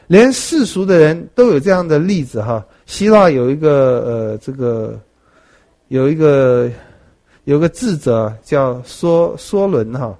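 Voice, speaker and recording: A man preaching a sermon, telling stories with animated swings between soft and loud. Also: fairly high pitch. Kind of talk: sermon with storytelling.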